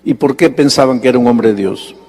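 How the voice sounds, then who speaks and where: A male pastor delivering a sermon, telling a story and acting out the dialogue, his voice jumping high in animated bursts. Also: a little fast, breathy edge. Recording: long hall reverb.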